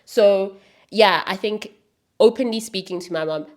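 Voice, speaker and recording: A woman's voice: medium pitch, a little slow. A woman in her late twenties hosting a podcast. She speaks earnestly in casual conversation and often repeats words as she starts sentences. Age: late 20s. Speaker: podcast host.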